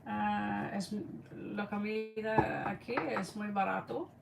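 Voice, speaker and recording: A slightly tired woman giving an informal card reading in halting, Spanish, searching for words. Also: medium pitch, steady tone, creaky, over music. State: a little tired. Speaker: tarot card reader. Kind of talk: casual, informal one-on-one reading. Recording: distant mic with faint background noise.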